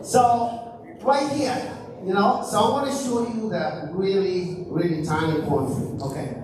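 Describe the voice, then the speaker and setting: A young Ecuadorian man with an Ecuadorian Spanish accent gives a casual presentation to a school audience, chatting and putting questions to them. His voice sits high and unhurried, with background noise. The recording comes from a very echoey school auditorium, the mic placed far away.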